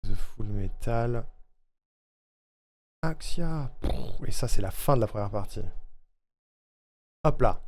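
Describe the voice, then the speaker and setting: A man streaming live, chatting casually and haltingly, thinking out loud with plenty of hesitations. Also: medium pitch, animated. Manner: halting, thinking aloud, lots of fillers.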